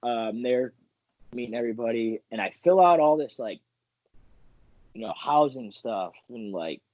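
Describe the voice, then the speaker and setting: Animated young man telling a story. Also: medium pitch, measured pace, no room sound, narrow, tinny audio. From Michigan. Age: young adult. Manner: animated, acts out quotes, many "like" fillers. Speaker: guest, college wrestler. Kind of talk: casual interview storytelling.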